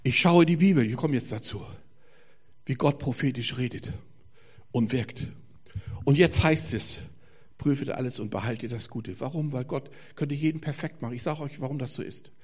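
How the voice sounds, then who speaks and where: A man preaching a sermon, telling stories lively and swinging from quiet asides to shouted emphasis. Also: mid-range voice, normal speed, slightly rough.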